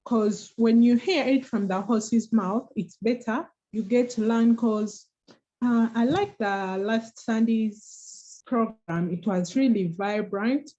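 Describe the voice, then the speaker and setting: A woman's voice: on the high side, takes it slowly, warm tone. A woman co-host giving an earnest, encouraging talk about forgiveness and moving forward. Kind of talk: motivational talk. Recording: dull, lo-fi online call audio.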